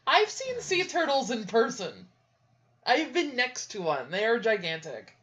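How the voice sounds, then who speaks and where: A woman's voice: fairly high pitch, sing-song, a little slow, fairly bright tone. A young woman co-hosting a casual podcast, giggling and laughing often, on dull lo-fi audio. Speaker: podcast co-host. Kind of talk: casual chat.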